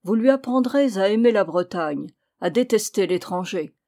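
A woman reading the lines of a stern old male nobleman in an audiobook, slow and solemn. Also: medium pitch, animated, mellow, lightly acted.

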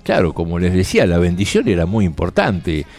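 A man's voice: deep voice, wildly swooping pitch, a little fast, darkish tone, soft background music. A man with a Rioplatense accent telling a Bible story on the radio in a conversational way, often checking in with the listener. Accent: Rioplatense Spanish.

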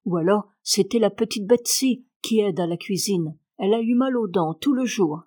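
A woman's voice: mid-range voice, moderate pace, dark tone, close to an everyday voice. A woman reading the lines of a talkative young housemaid in a storybook, in a plain matter-of-fact telling voice. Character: stubborn chatty young housemaid. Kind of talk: audiobook character reading.

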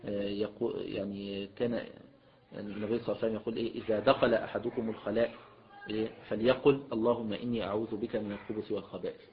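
A man's voice: fairly low pitch, little pitch movement, rapid-fire. A man with an Egyptian accent teaching a religious lesson as a sheikh, mixing classical and colloquial Arabic and often prompting listeners with a questioning "what?". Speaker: sheikh teaching Islamic jurisprudence. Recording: dull lo-fi lecture recording.

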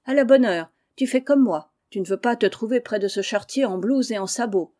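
A woman's voice: fairly high pitch, brisk, mellow, close to an everyday voice. A woman reading aloud voices a proud, disdainful young girl who talks in a haughty, petulant way. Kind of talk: audiobook character reading.

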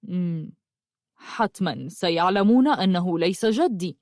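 A man's voice: high voice, lively intonation, measured pace, darkish tone, no echo, clean studio sound. A woman voicing a curious, skeptical young man who asks questions.

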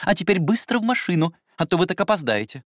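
A man's voice: high-pitched, sing-song, fast, no room sound, clean studio sound, pitched above the performer's own voice. Man putting on a prim scolding housekeeper. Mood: fussy scolding. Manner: fussy, reproachful, formal. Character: prim, strict adult female housekeeper.

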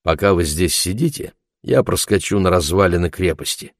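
A brisk younger man speaks in a matter-of-fact way in an audiobook, as a man reads him. The voice is low and the sound is dry and close. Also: expressive, no echo.

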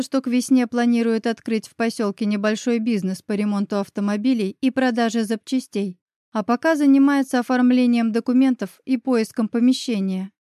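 A woman narrating a first-person audiobook in a calm, even storytelling manner. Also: fairly high pitch, no room sound. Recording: dry close studio sound.

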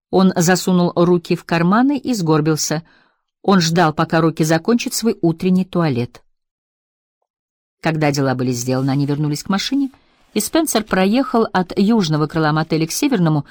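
A woman narrating an audiobook in a measured, even storytelling manner. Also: low-pitched, no room sound, studio quality. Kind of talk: scripted narration.

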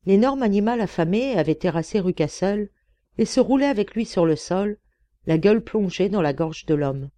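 A woman reading an audiobook in steady, measured narration. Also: medium pitch, dry recording. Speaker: audiobook reader. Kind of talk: scripted narration.

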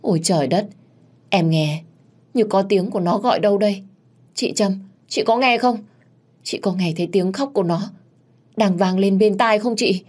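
A woman's voice: medium pitch, normal speed, long pauses, darkish tone, pitched above the performer's own voice, natural voice. A woman playing a cunning young wife feigning fear. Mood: fake dread.

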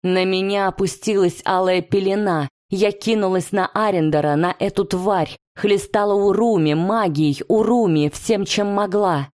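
A woman's voice: medium pitch, unhurried, few pauses, darkish tone. Woman reading a fantasy audiobook intensely. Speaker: audiobook narrator. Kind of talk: first-person fantasy audiobook narration.

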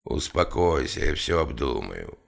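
A man's voice: extremely low pitch, sing-song, vocal fry, pitched below the performer's own voice, exaggerated voice. A man doing a curt, domineering boss. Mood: firm. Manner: curt, firm, slow commands. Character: firm, domineering male businessman boss.

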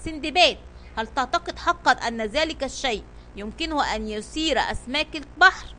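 A woman's voice: high voice, animated, fairly quick, bright, forceful tone, a little hiss or hum. A woman voicing a worried male sailor in a storybook, exclaiming anxiously.

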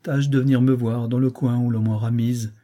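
A man reading aloud, voicing an impetuous, fiery young girl who protects her cousin, in a husky voice. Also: mid-range voice, flat delivery, normal speed, mellow, natural voice. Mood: urgent.

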